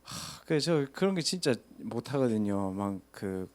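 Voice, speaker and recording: A man's voice: mid-range voice, sing-song, measured pace. A man, a pastor telling a story in a casual sermon and asking listeners rhetorical questions. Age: 30s.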